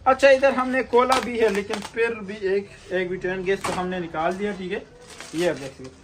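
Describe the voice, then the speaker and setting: Young man pitching a stove in a shop. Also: normal speed, background noise. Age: young adult. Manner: salesy, says "theek hai" after nearly every point. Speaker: shop seller demonstrating products. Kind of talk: casual product demo. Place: indoor electronics shop storeroom.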